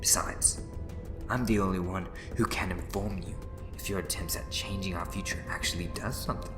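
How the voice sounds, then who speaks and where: A man's voice: deep voice, steady tone, normal speed, lightly acted. A man playing a sly, fussy, meddling schemer in a fan audio drama, with a wheedling, theatrical manner. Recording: echoey room, music behind.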